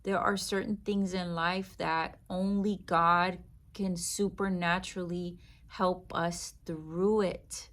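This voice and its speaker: Woman faith coach talking slow and earnest, leans hard on words, pauses a lot. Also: on the low side, flat delivery, fairly bright tone. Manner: earnest, emphatic, with dramatic pauses. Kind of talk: spoken devotional encouragement.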